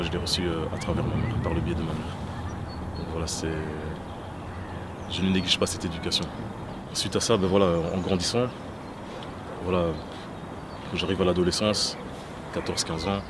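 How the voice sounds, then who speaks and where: A man from Congo in his thirties, giving a testimony interview with many hesitations and restarts. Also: deep voice. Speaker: interview guest. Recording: loud background noise.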